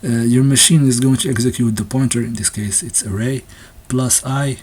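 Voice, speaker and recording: A man with a slightly husky voice talks through a textbook in a casual, unscripted way. He often stumbles and restarts his sentences, and now and then he gives a small nervous laugh as he explains. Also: medium pitch, steady tone, moderate pace, darkish tone. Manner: hesitant, many restarts and fillers, occasional nervous laughs. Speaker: presenter discussing a textbook.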